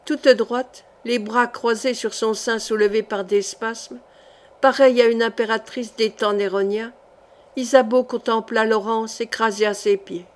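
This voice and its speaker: A woman's voice: a little high, steady tone, measured pace. Woman narrating a dramatic novel. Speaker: audiobook narrator. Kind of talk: reading a historical novel aloud.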